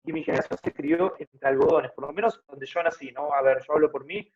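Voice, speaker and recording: Speaking briskly in a fairly high but darkish voice, a Buenos Aires man in his 30s appears as a fitness-motivator guest in a relaxed interview. He thinks aloud as he explains, with many tag questions. The sound is slightly muffled, carrying a bit of hiss or hum.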